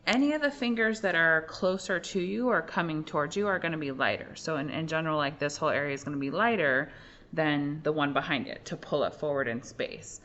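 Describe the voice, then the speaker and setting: A young adult woman, an art teacher, talks through a casual drawing demonstration step by step as she works, using lots of fillers. Her voice is low, a little fast and a bit bright. The audio is muffled and lo-fi, with faint room noise.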